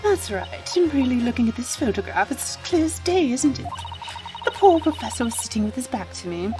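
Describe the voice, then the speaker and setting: Pompous fawning prosecutor guy, fussy and high-pitched, lady doing it. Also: sing-song, normal speed, distant mic, over music, low-quality recording. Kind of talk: fan voice dub of a game.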